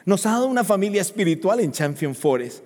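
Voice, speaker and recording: A man preaching a sermon as pastor, swinging from hushed asides to shouted exhortation. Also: sits high, very animated, a little fast, big-room sound.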